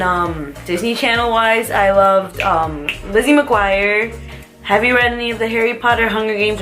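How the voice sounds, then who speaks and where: A young American vlogger with a slightly high, fairly bright voice chats casually through a tag video. She rambles and giggles as she answers the questions.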